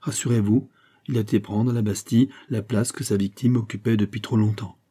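A man voicing a calm, disdainful, scheming churchman in an audiobook, measured and quietly mocking. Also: fairly low pitch, husky. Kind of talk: audiobook character reading.

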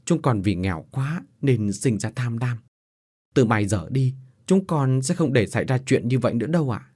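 A man's voice: mid-range voice, lively intonation, normal speed, mellow, husky. A man voicing a poor, earnest village father who pleads and fusses in a spoken ghost story. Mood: pleading. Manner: eager, pleading.

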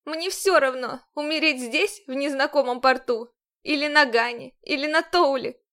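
A woman's voice: high-pitched, moderate pace, a bit bright, voice pushed up. A woman reading an audiobook, voicing a frightened but defiant young woman fugitive who talks in a tearful, pleading way.

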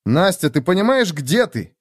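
A man voicing a shaken young man who speaks quietly and with strain, in a read-aloud story. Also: high-pitched, very animated, moderate pace, no echo, clean studio sound, voice pushed up.

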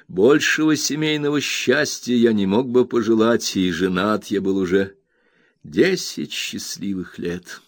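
Low-voiced male audiobook narrator. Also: no echo, studio quality. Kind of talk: scripted narration of a classic novel.

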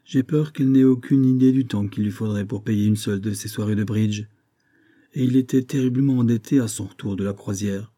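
A man's voice: lowish voice, fairly even intonation, brisk, close to an everyday voice. A man voicing an anxious, kindly young woman who gossips and fusses over her friend, in an audiobook reading. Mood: worried gossip. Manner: fretful gossiping, gently fussing.

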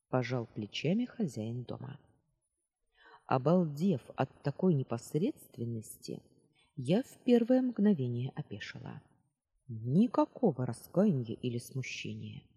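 A woman reads a first-person audiobook with ironic, expressive storytelling. Her low voice is dark and husky, rising and falling a lot. A long reverb trails behind her. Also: muffled recording. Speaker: audiobook narrator.

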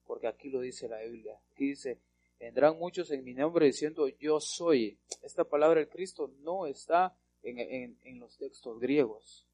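A man preaching a Bible teaching sermon, speaking emphatically, stretching key words slowly, often asking rhetorical questions and calling his listeners brother. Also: mid-range voice, dark tone.

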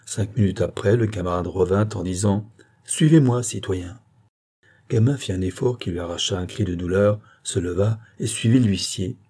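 A man narrating a classic novel in a steady, literary way. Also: deep voice, a little fast, hardly any pauses, husky. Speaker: audiobook narrator.

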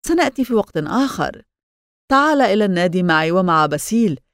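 Woman reading kindly gentle man, soothing, dry close sound. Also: mid-range voice, very animated, fast talker, no echo. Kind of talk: audiobook character reading.

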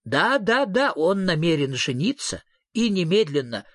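A pompous, nervous storybook king with a raised, jumpy voice, put on by a man. He talks royally of himself as "we", husky and dry in tone. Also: high voice, sing-song, measured pace, a bit bright, no echo, heavily acted. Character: fussy nervous king, pompous and high-strung.

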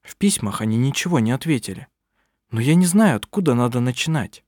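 A man's voice: mid-range voice, animated, a little fast, a little mellow, dry recording, studio quality, lightly acted. A man reading aloud, voicing an earnest young man who is an eager would-be sorcerer and a fond son. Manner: earnest, affectionate.

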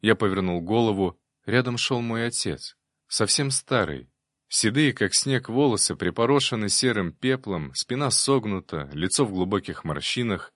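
A man narrating a fantasy novel in the first person, reading in an even, steady way. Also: on the low side, moderate pace, no echo, clean studio sound. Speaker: audiobook narrator.

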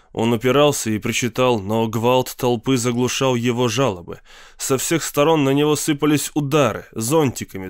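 A man narrating a story in a measured reading voice, performing all the characters himself. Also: medium pitch, clean tone, no echo, studio quality.

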